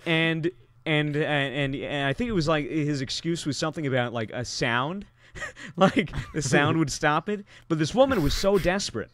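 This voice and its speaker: A man's voice: a little high, animated, moderate pace, hardly any pauses, a bit bright. A young man telling a long story on a podcast, rambling with lots of fillers and restarts.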